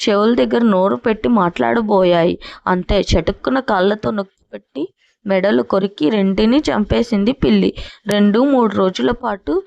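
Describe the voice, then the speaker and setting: Gravelly-voiced woman storyteller. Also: medium pitch, normal speed, darkish tone, dry recording, muffled recording. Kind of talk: scripted storybook narration.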